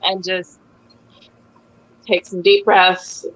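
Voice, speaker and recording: A young mother talking as a guest over a video call, hesitant and emotional, with many pauses and "um"s. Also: fairly low pitch, flat delivery, fairly bright tone, no room sound, rough recording. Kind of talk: casual interview talk.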